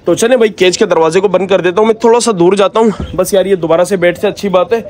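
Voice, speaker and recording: Over a little hiss or hum, a man's high, quick voice with fairly even intonation narrates a casual vlog about his birds and rabbits. He's chatty and fond, dropping "yaar" and "bhai" often and gently coaxing the animals.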